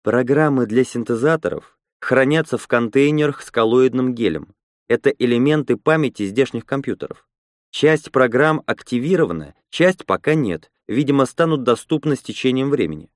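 A man's voice: medium pitch, lively intonation, moderate pace, no echo, clean studio sound, natural voice. A man reading a story, voicing a shaken woman who explains things in an uneasy tone. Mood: uneasy explaining. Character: woman Lena, shaken but knowing insider.

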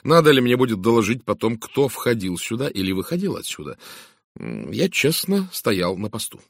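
A man reading a detective novel aloud as narrator, in an expressive, theatrical way. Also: mid-range voice, moderate pace, creaky, dry recording, studio quality. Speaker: audiobook narrator.

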